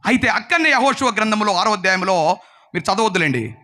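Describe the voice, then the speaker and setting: Male pastor, emphatic sermon delivery with call-and-response, bright forceful tone. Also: high-pitched, animated, quick pace. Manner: emphatic, questions the congregation and urges replies.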